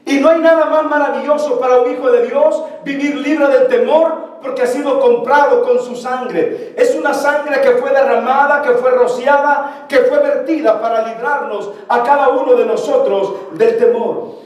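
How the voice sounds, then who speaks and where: High-voiced pastor preaching in an echoey church. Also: male voice, fairly even intonation, normal speed. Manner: impassioned preaching, repeats phrases. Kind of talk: sermon. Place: church sanctuary. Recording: very echoey church, mic far off.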